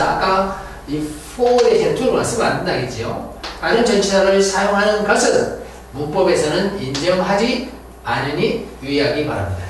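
A man's voice: high voice, distant mic, slight background noise. A man teaching an English lesson, drilling words aloud and stressing the right way to say them. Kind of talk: classroom lecture. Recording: echoey room picked up from afar.

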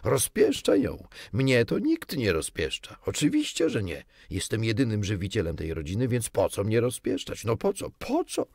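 A man's voice: lowish voice, wildly swooping pitch, takes it slowly, gravelly, slightly rough, no room sound, studio quality, voice pushed up, exaggerated voice. Man doing a whiny, self-pitying storybook father. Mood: petulant shouting. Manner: whiny, loud and sulky. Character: peevish self-pitying middle-aged father.

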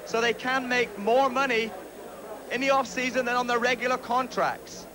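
A man's voice: very high voice, steady tone, moderate pace, crowd noise, rough recording. A man giving studio commentary as an analyst in an informative, matter-of-fact manner.

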